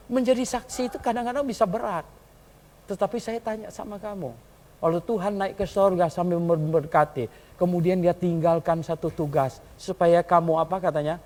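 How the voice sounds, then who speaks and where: A male pastor preaching a sermon in a colloquial style. He tells a story and often chuckles, and he swings between quiet asides and loud calls to the congregation. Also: sits high. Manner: colloquial, chuckles while telling stories.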